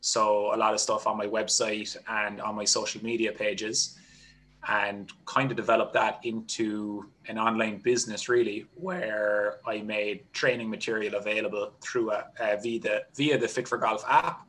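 A man's voice: on the low side, normal speed, low-quality recording. A man in his thirties with an Irish accent, a strength coach explaining his work steadily over a headset on a video call. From Ireland. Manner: steady explanatory talk with many "kind of" fillers. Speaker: golf strength and conditioning coach. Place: small home room.

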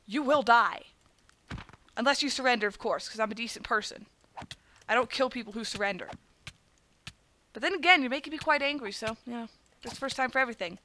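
A woman's voice: on the high side, pushed and bright, a little hiss or hum. A woman giving let's-play commentary, trash-talking enemies with theatrical, playful mock threats. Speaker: gaming video creator.

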